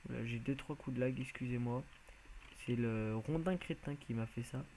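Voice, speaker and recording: A man's voice: mid-range voice, normal speed, mellow, slight background noise, rough recording. Hesitant man narrating his gameplay. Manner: rambling, hesitant, lots of filler sounds. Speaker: video game let's player. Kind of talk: casual gameplay commentary.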